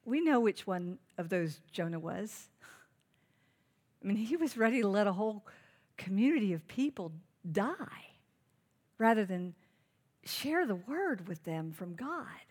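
A woman's voice: medium pitch, sing-song, a little slow, long pauses, darkish tone. A woman pastor preaching a sermon, stressing key phrases by repeating them and putting direct questions to her listeners. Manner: emphatic, repeats key phrases for note-taking.

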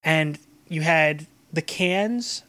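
A speaker in a relaxed podcast chat with an average-pitched voice. They tell stories slowly and loosely, wandering from detail to detail. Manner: meandering, reminiscing storytelling. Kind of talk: casual chat.

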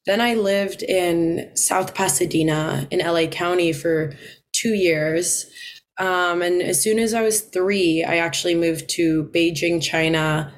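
A young woman college swimmer from the Philippines, answering interview questions in a relaxed way with frequent ums and light laughs. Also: on the low side, a little slow. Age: 20s.

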